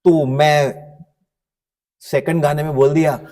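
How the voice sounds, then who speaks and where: A man tells funny stories to a room of teachers and sometimes slows into sung verses. His voice sits high and his pace is unhurried. A long hall reverb trails behind every phrase. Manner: animated anecdotes, breaking into slow sung verses. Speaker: physics teacher leading a teachers' workshop. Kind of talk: humorous storytelling talk with sung songs.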